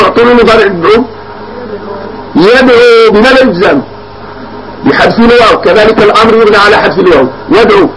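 A Moroccan man with a high, light voice teaches grammar to a class and keeps firing questions back at them. Steady noise and passing traffic run under his voice. He talks in a casual classroom way. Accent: Moroccan Arabic. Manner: quizzes the class with repeated questions. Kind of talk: classroom lesson.

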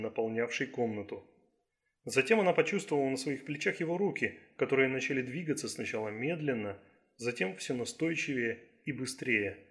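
A man reading an audiobook in a steady, even scripted narration. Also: medium pitch.

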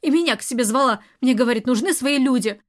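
A hurt, sullen young woman, read by a woman in an audiobook, complaining with a sense of grievance. The voice sits high. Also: quick pace, lightly acted. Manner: sullen, aggrieved. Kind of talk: audiobook character reading.

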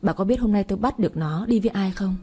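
A woman's voice: mid-range voice, quick pace, dark tone, husky, lightly acted. A woman voicing an angry, stern elderly father who scolds harshly in a storybook reading. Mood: furious.

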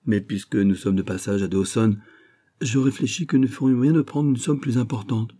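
A man voicing a calm, self-assured male engineer with a level, faintly ironic manner in an audiobook reading. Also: medium pitch, normal speed, lightly acted. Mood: cool.

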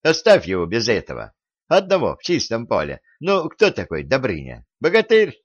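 Haughty and quarrelsome, the teenage boy a man plays in this audiobook speaks sharply and raises his voice arrogantly. The narrator's husky, medium-pitched voice swoops wildly in pitch at a normal speed, captured in a dry, dull lo-fi recording.

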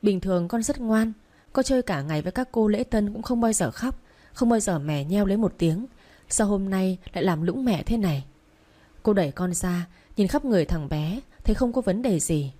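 A woman narrating a romance novel as an audiobook in a steady, even reading. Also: mid-range voice, moderate pace.

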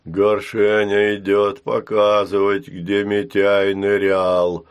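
Man doing a slow dim clay giant. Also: fairly low pitch, completely flat delivery, clear, resonant tone. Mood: dull, plodding. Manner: slow, halting, speaks of himself by name.

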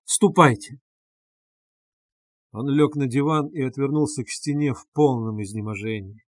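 A man narrating a classic novel as an audiobook in a measured, even reading, with a dry studio sound. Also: medium pitch, no room sound. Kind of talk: scripted literary narration.

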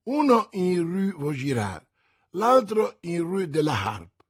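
A man voicing a frightened, fawning middle-aged haberdasher who pleads anxiously in a high, shaky voice. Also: very animated, slow pace, husky, heavily acted. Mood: nervous.

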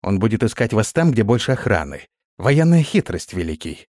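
A man's voice: fairly low pitch, very animated, moderate pace, a little mellow, dry recording, clean studio sound. A man voicing a formal, rule-bound palace guard officer who speaks steadily. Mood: dutiful, formal. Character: dutiful, stiff male palace guard officer.

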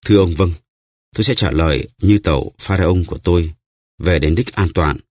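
A man's voice: deep voice, normal speed, a little mellow, lightly acted. A man voicing a ruined, grief-stricken merchant who talks in a choked, solemn way in an audiobook. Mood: grieving.

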